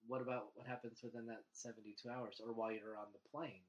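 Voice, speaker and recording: A man's voice: lowish voice, flat delivery, fast talker, muffled recording. Chatty man with the flu, laughing. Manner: chatty, laughs often, sarcastic. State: has the flu. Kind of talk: casual chat.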